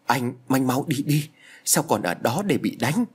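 A man voicing a frightened young woman who pleads tearfully, with a husky voice. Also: mid-range voice, expressive, measured pace. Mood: pleading.

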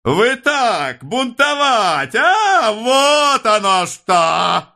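A man reading an audiobook voices a bullying, middle-aged police officer who squeals and screams abuse in a shrill, cracking, hoarse voice. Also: sing-song, extremely slow, sharp tone, heavily acted. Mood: shrieking rage.

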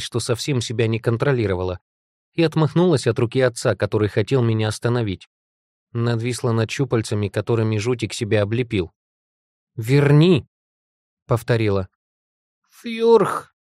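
A man's voice: medium pitch, no room sound. Man reading a story aloud in a dry, close voice. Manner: steady, even reading of a first-person story. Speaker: audiobook reader. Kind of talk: scripted narration.

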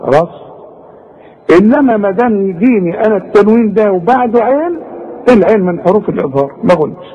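A man's voice: high-pitched, animated, narrow, tinny audio, slight background noise. A man with an Egyptian Arabic accent teaching tajweed. He talks straight to the student in a colloquial way and models the words syllable by syllable. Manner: models recitation slowly, syllable by syllable, in drawn-out demonstrations; direct, colloquial coaching aimed at the student. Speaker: Quran recitation teacher. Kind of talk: Quran tajweed lesson.

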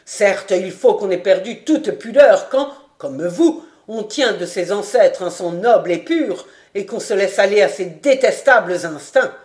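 A woman's voice: on the low side, moderate pace, few pauses, reverberant, close to an everyday voice. A woman reading an audiobook voices a stern, scornful old male marshal who scolds with contempt. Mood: stern scolding.

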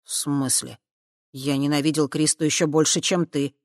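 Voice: mid-range voice, fairly even intonation, normal speed, dry recording, clean studio sound, natural voice. An audiobook reader voicing a proud, resentful young man with a clipped, cold delivery. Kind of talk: audiobook character voice.

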